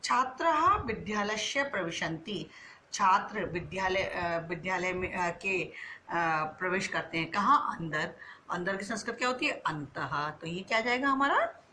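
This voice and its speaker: A woman's voice: medium pitch, animated, measured pace, bright, forceful tone, slight background noise. A woman teaching a Sanskrit lesson to schoolchildren, asking questions and answering them herself, stretching out the answers. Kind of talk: online class lesson.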